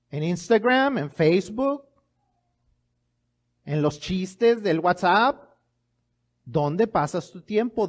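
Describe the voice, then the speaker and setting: Male pastor, strikingly high voice, emphatic sermon delivery with rhetorical questions. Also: a little mellow.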